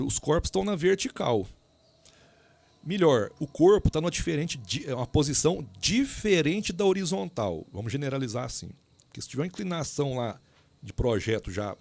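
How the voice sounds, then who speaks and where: A man's voice: fairly high pitch, creaky, a little mellow. A man teaching a recorded engineering lecture in an informal way, speaking straight to his students with asides and restarts. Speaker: engineering professor.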